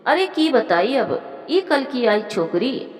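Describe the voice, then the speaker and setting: A woman's voice: fairly high pitch, sing-song, takes it slowly. A woman voicing a spiteful, self-pitying older mother-in-law who shrieks taunts in a storybook tale. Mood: bitter complaining. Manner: shrieking taunts, then wailing to God. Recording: echoey room with long reverb.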